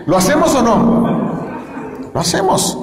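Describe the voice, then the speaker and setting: Very high-pitched and very animated, yet unhurried, this preacher's voice carries vocal fry. He delivers his sermon in a hall with long, echoing reverb, calling on the congregation to answer his questions and echo his lines back.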